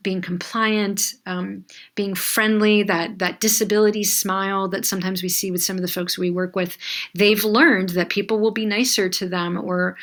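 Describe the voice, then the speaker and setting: A woman's voice: medium pitch, fairly even intonation, normal speed, a bit bright. A middle-aged woman clinical supervisor giving a conversational training lecture, with frequent fillers and asides.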